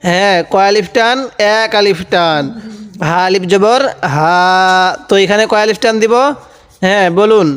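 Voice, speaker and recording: A man from Bangladesh teaches Quran reading, breaking each word into syllables and repeating it patiently. His voice sits high and sounds smooth and resonant. A long echo trails behind him, as if he were recorded in a hall. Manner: patient, spells out syllables and repeats words slowly; asks the viewer questions, then answers them himself. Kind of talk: step-by-step spelling lesson.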